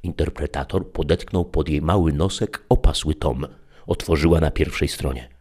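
A man narrating an audiobook story in a measured, expressive way. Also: very deep voice, slightly rough.

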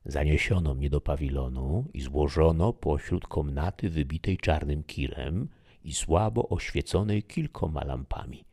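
A male narrator reading an old adventure novel aloud as a scripted audiobook. His voice is very deep and husky, with a measured, even delivery. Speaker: audiobook reader.

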